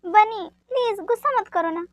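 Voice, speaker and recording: A woman playing a gentle pregnant young woman. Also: very high-pitched, normal speed, no echo, clean studio sound. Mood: soothing. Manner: soothing, affectionate.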